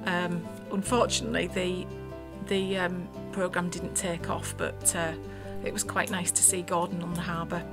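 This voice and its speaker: Lady from a harbour shop telling stories, chatty, music going pretty loud behind. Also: lowish voice, flat delivery, moderate pace, hardly any pauses. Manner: chatty, amused, with light laughs. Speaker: shop owner. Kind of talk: casual anecdote interview.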